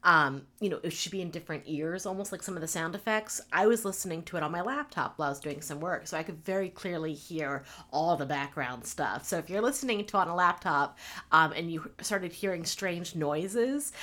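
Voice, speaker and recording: A woman's voice: on the low side, a little fast, pushed and bright. A woman co-hosting a fiction podcast, chatting casually and laughing often. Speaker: podcast co-host and writer.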